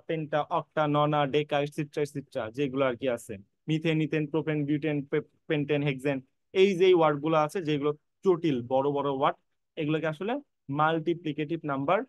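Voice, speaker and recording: This man's voice leans high and smooth, recorded with no room sound. He teaches an online admission-prep grammar lesson, repeating key points, spelling words out letter by letter, and addressing his students directly in a reassuring way.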